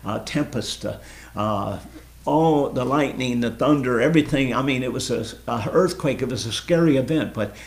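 A man's voice: medium pitch, moderate pace. A man leading an informal Bible study, earnestly explaining scripture and quizzing his group.

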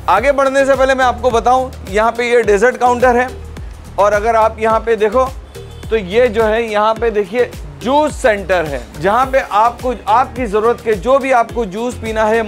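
A middle-aged man hosting a food vlog, walking through a restaurant and describing it with eager, polite phrasing. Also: high-pitched. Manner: enthusiastic, Urdu-flavored polite phrasing. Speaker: food vlogger host. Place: restaurant, indoors and on street outside.

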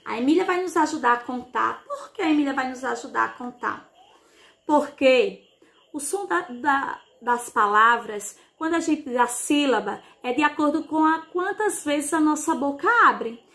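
Bright-voiced, sing-song woman teacher. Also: high voice, lively intonation, gravelly. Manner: slow, sing-song teacher talk with diminutives. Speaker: primary school teacher. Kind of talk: televised remote class for children.

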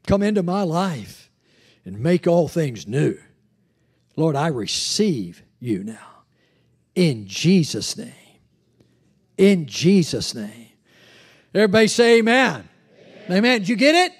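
An older man preaching a sermon on a church stage with a handheld mic, animated and acting out the voices he quotes. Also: sits high, husky. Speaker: guest preacher.

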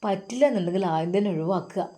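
A woman voicing an older, loving and pious mother who speaks tenderly and preaches gently. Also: mid-range voice, racing, close to an everyday voice. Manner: tender, pleading, softly preaching.

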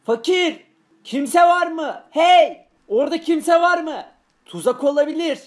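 A man's voice: very high voice, expressive, measured pace. A man voicing a wary police chief inspector who gives orders at a crime scene in a game-video drama.

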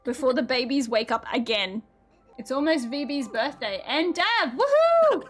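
A woman streaming a life sim game, chatting casually, swearing a lot and laughing loudly. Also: a little high, moderate pace, faint music behind. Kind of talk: casual gameplay commentary.

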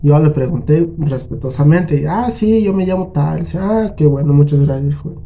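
A man with a Mexican accent tells a story in a slightly high yet very mellow, dark voice. He talks casually and swears freely, acting out both sides of an argument. It suits a relaxed storytelling vlog. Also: normal speed, highs cut off. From Huasteca region of Mexico. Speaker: channel host.

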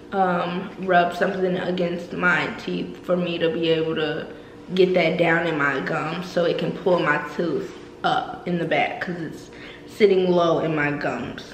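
A woman's voice: fairly low pitch, roomy sound, a little hiss or hum, poor audio. A nineteen-year-old woman vlogging a casual Q&A while speaking with braces, chatty, with frequent ums. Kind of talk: casual Q&A vlog.

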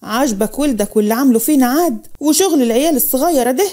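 A woman's voice: mid-range voice, fast talker, mellow, natural voice. A woman with an Egyptian accent voicing an arrogant young village man who talks in a bored, dismissive way. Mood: angry.

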